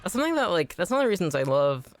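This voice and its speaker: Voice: medium pitch, big pitch swings, very fast, faint music behind. A game streamer chatting casually while playing, rambling and repeating words for emphasis. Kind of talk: casual chat while gaming.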